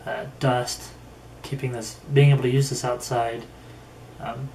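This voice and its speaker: The recording is roomy and echoey, with faint noise underneath, as a gear reviewer talks through a product in a casual way. He keeps a level, middle-pitched voice and speaks slowly and haltingly, thinking aloud.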